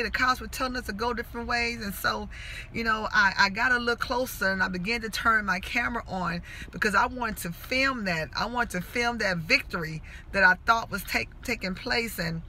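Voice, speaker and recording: A middle-aged woman talks straight to the camera in a personal vlog, making earnest, impassioned appeals to parents and young people. Her voice is high and very bright, with a sharp edge. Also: a little hiss or hum, poor audio. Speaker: mother and school worker.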